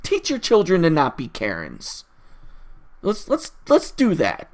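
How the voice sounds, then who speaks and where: Someone records a casual solo audio log, rambling in an opinionated, exasperated and emphatic way, easily distracted, full of tangents and swearing. The voice is mid-range with huge pitch swings and a slightly slow pace.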